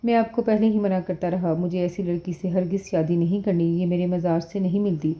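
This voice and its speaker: A man's voice: high-pitched, fairly even intonation, close to an everyday voice. A woman reading the part of an angry young husband in an audio novel, speaking in a clipped, sarcastic way, on a dull lo-fi recording. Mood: aggrieved.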